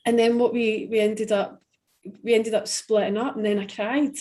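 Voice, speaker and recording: A woman hosting a podcast, telling stories in a chatty, animated way and acting out what people said. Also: fairly high pitch, normal speed. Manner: animated storyteller, quotes people, says "right?". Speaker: podcast host. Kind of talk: casual interview conversation.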